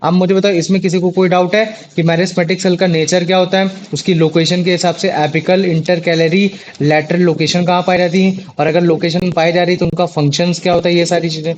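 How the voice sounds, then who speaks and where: High-voiced young male tutor on a call. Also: level tone, a little fast, hardly any pauses, slight background noise. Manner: chatty, repeats checking questions. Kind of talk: online class teaching. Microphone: video call. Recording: dull lo-fi online call audio.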